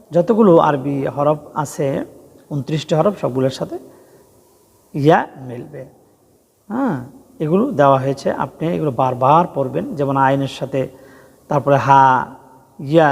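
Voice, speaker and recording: A man teaching Quran reading, slowly spelling out Arabic letter combinations in a drilling, repetitive way. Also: medium pitch, darkish tone, long reverb tail.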